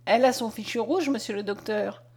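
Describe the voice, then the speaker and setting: A woman's voice: on the high side, fairly quick, a little mellow, husky. A woman reading the part of an earnest, hopeful blind young man, in a pleading tone.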